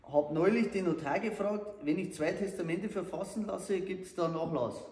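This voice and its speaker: Man, lightish high voice, comedy host swapping gags, roomy sound with some faint noise. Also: moderate pace, darkish tone. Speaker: comedy show host telling flat jokes. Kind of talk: casual joke-telling banter. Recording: echoey room, distant mic, faint noise.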